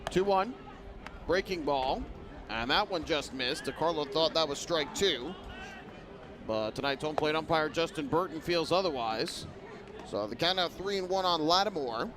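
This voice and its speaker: A man's voice: fairly high pitch, expressive, moderate pace, background noise. A man calling a baseball game as a play-by-play broadcaster, with descriptive, clipped phrasing. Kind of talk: live sports commentary.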